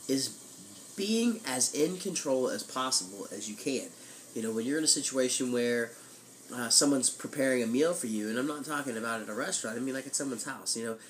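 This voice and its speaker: A weekly vlogger with a medium-pitched, slightly bright voice chats casually to camera, sounding stuffy and blocked up from a head cold, as if tissue were stuck in one nostril. He talks loosely and conversationally, saying "you know" a lot, over slight background noise.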